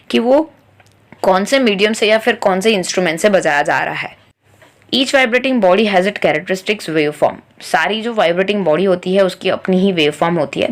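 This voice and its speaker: A female tutor walks through a science textbook, reading the English lines slowly before explaining them again in Hindi. Her pitch is medium, with some vocal fry.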